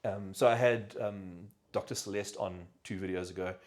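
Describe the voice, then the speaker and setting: Animated South African man hosting a podcast. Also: deep voice, normal speed. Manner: animated storyteller, acts out quoted voices. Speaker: podcast host. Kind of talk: casual chat.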